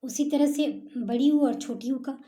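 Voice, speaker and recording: Woman, teacher, high voice, mellow tone, slow sounding-out of syllables. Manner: repeats okay and checks in with listener. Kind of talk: explaining a lesson on a board.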